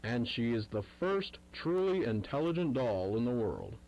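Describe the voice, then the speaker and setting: A man playing an enthusiastic announcer in a vintage toy commercial voice-over, with a showy selling pitch. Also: big pitch swings, a little slow, a little mellow, dull audio. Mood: salesy.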